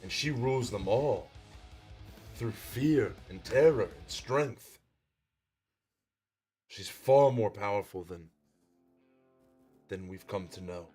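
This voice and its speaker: A man's voice: on the low side, animated, takes it slowly, long pauses, mellow, slightly rough, faint music behind. A man playing a tabletop role-playing game, discussing the fantasy situation in character.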